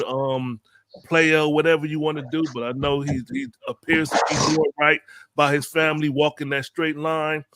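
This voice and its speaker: A man co-hosting a casual panel talk show who speaks earnestly and haltingly, with lots of fillers. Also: fairly high pitch, fairly bright tone, no echo. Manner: earnest, halting, fills with "you know" and "um". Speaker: panel co-host.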